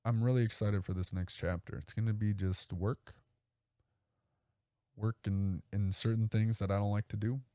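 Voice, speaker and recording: A man's voice: lowish voice, steady tone, normal speed, mellow, no echo, studio quality. A man hosting his own podcast solo, talking casually in a rambling, self-correcting, enthusiastic way. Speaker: podcast host.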